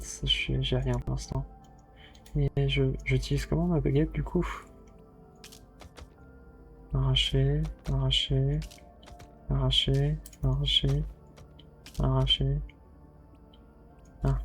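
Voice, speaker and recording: A man streaming a video game alone, muttering to himself and shouting out spell words. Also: medium pitch. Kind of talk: casual let's-play commentary.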